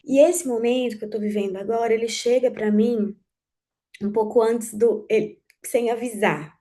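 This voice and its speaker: A woman in her forties sharing her personal experience in a group conversation, speaking in a halting, reflective way with many pauses and restarts. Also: a little high, steady tone, mellow. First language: Portuguese. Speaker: group participant.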